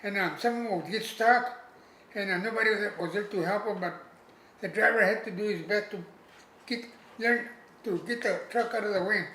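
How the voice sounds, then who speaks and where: An elderly man, a war veteran, recalls his service in an informal interview, haltingly and plainly, repeating himself as he searches for words. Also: high voice, pushed and bright. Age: elderly, over 80. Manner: halting, repetitive, plain-spoken recollection with searching pauses. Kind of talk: old veteran remembering, informal oral history. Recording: roomy echo, faint background noise.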